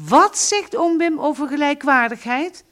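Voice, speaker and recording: A woman's voice: medium pitch, animated. A woman reading the part of a proud father who served on a submarine, flaring up in anger. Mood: indignant. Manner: gruff, quick to flare up. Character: Surinamese father, a proud navy man.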